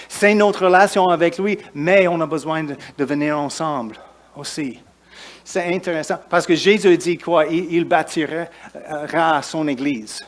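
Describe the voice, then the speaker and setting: Pastor preaching in halting French. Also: male voice, fairly high pitch. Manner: preaches with halting restarts, rising emphatic lists and quieter asides. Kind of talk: sermon.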